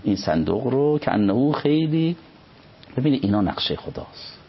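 A man, a religious scholar, reciting Arabic passages and explaining them in an unhurried conversational commentary. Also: mid-range voice, very animated, husky, faint music behind. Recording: dull lo-fi recording.

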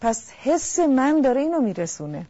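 A woman counselor calmly explaining family communication on a talk show, speaking directly to listeners. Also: sits high, muffled recording.

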